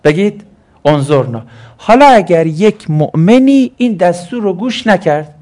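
A man's voice: high voice, animated, mellow. A man giving a lesson explaining a Quranic verse, posing questions and answering them himself. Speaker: Quran teacher.

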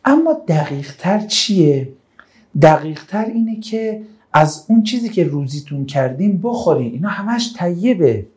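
A man teaching Quran interpretation to a class, animated, calling on students one by one and turning down their answers. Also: sits high. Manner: animated, calls on students and keeps rejecting answers. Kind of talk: classroom lecture with questions to students.

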